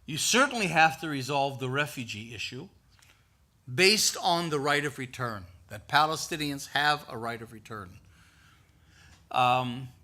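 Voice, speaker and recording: As a guest speaker at a talk, an older man from the United States responds to an audience question with a medium-pitched, sharp, animated voice, speaking a little slowly. After a hesitant opening full of restarts, he goes on to explain earnestly.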